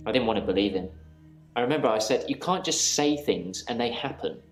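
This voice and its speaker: An actor in a live-action mystery game playing a troubled male patient who calmly recounts reliving the same day. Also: medium pitch, fairly quick, natural voice. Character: troubled male patient haunted by repeating days. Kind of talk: scripted game dialogue. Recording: roomy with game music.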